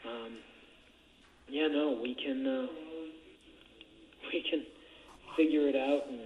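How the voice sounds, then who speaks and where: Over a jail phone line, a man chats casually in a hesitant, rambling way, his mid-range voice steady and slow. The call comes through a telephone handset, and the recording is muffled and noisy.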